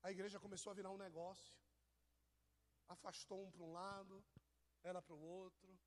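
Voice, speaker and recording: High-voiced man preaching, teasing tone. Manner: teasing, jokey, addresses people in the pews. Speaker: pastor. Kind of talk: informal sermon to a congregation.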